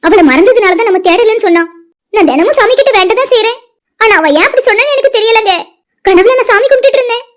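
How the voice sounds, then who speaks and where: Casting: woman doing a very high, fast-talking grieving mother in a cartoon, pleading. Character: grieving mother calling for her lost daughter. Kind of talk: cartoon voice acting.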